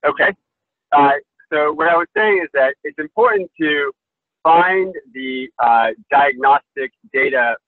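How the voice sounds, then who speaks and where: A man speaking as an investor panelist on a webinar, heard over a video call that cuts out, explaining in a measured way with many fillers. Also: medium pitch, no echo. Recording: tinny phone-like call audio, dry.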